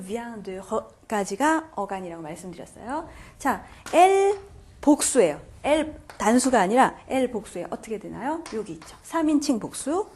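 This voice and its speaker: A woman teaches French grammar in Korean in a classroom-style lecture, patiently walking through each step, repeating "자" to pace them, and quizzing her viewers. Her voice is a little high, a little mellow, and slightly rough.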